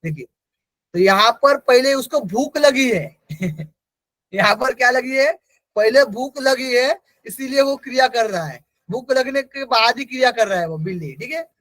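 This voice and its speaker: A man's voice: very high-pitched, moderate pace, fairly bright tone, dry recording, low-quality recording. A man giving an exam-prep lecture. He asks the class questions, answers them himself and repeats key terms. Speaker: teacher.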